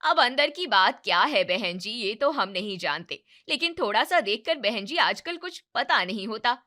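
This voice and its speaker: A woman voicing a nosy middle-aged neighbor who pries and insinuates in a gossipy way in an animated story. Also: a little high, normal speed. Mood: prying. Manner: prying, insinuating.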